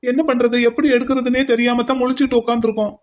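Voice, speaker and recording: A woman's voice: a little high, flat delivery, racing, darkish tone, close to an everyday voice. A woman voicing a young uncle in a cartoon, cooing and doting clumsily over a baby. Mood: sheepish. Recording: dull lo-fi audio.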